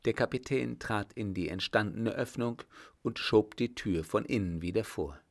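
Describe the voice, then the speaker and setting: A man calmly narrating an audiobook in a measured way. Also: lowish voice, gravelly.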